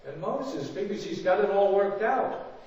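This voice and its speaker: Slow, dramatic male rabbi in echoey hall. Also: sits high, lively intonation, a little mellow. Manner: dramatic storytelling, acting out quoted voices. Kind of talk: sermon. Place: large synagogue sanctuary. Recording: echoey hall, distant dull mic.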